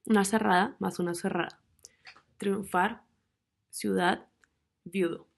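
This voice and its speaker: Slightly gravelly young woman narrating a lesson. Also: medium pitch, steady tone. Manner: reads rules and lists of example words in a measured way. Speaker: student presenter. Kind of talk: narrated class presentation.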